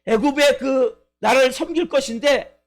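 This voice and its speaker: A man voicing an angry crowd of ancient Israelites, hurling rough accusations at their leader. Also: extremely high pitch, moderate pace. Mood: angry, scolding. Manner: shouting accusations, nagging rough speech.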